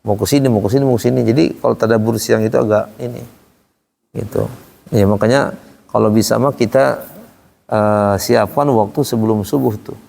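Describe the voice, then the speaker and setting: A man teaching Quran recitation to a small class in a relaxed, chatty way, acting out how questions sound. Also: on the low side, normal speed, creaky, long pauses. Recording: echoey room with long reverb.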